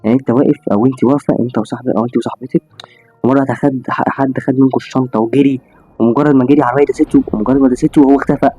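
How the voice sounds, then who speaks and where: A man with an Egyptian accent casually telling a spooky story to his listeners, animated and full of exclamations and restarts. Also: medium pitch, racing, no room sound. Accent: Egyptian Arabic. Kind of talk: casual spoken storytelling to an audience. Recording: slightly dull audio with faint music.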